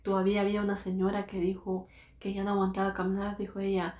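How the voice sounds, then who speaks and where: A woman at a mid pitch tells her personal story earnestly, circling back to repeat key phrases and briefly voicing the people in it. The room around her rings with a noticeable echo. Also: completely flat delivery, fast talker, darkish tone. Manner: earnest, repeats phrases, acts out quoted voices. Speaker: vlogger recounting her own experience. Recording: roomy echo.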